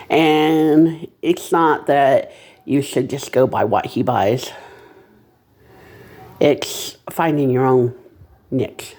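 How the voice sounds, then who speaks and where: A novice vlogger talking casually about reselling, in a nervous, halting, rambling way. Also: medium pitch, a little mellow. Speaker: reseller making a first video. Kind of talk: casual vlog monologue.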